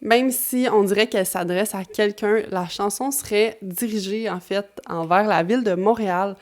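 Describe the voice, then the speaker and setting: A woman's voice: mid-range voice, moderate pace. A woman with a Québécois French accent, hosting her own channel in a casual, chatty vlog narration with slang asides. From Quebec. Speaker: YouTuber host.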